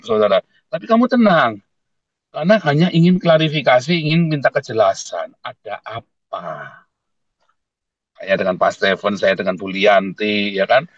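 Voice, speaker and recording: Male pastor, mid-pitched, emphatic conversational sermon, loud high stresses and soft trailing phrase ends. Dull, dry recording. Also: no echo. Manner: emphatic, wide swings in pitch and loudness, repeatedly addresses listeners as "saudara"; acts out quoted dialogue in a softer voice.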